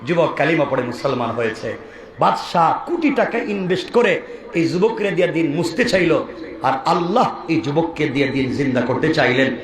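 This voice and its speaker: A male preacher delivers a fervent sermon in a high, ringing voice. He swings between quick storytelling and shouted, melodic chanting, and calls on the crowd to answer him. His voice bounces around a roomy, echoing space. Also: expressive. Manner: rises into shouted, sing-song chanting; urges the crowd to answer loudly. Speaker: Islamic preacher. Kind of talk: impassioned Bengali waz sermon.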